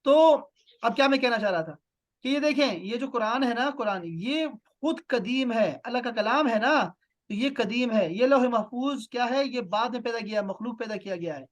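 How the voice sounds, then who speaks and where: A man's voice: extremely high pitch, lively intonation. A man from Pakistan teaching an online class in a questioning, repetitive manner. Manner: questioning, repeats "theek hai" and "na".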